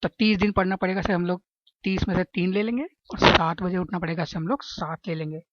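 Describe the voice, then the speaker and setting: A woman's voice: lowish voice, brisk, highs cut off, noisy background. A woman teaching general-knowledge exam questions and explaining memory tricks, often checking in with her listeners. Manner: chatty, keeps asking "है ना?" to check understanding.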